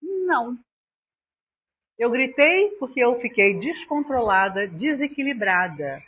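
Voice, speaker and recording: Brazilian woman lecturer, husky, fairly high voice, earnest spiritual talk. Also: big pitch swings, slow pace, fairly bright tone. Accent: Brazilian Portuguese. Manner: earnest, acts out anecdotes with quoted voices.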